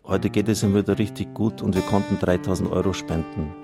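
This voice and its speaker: At the microphone of a religious radio fundraiser, a deep-voiced priest earnestly reads listeners' letters and appeals for donations while a guitar plays faintly underneath. His male voice is steady and fairly quick, with some vocal fry.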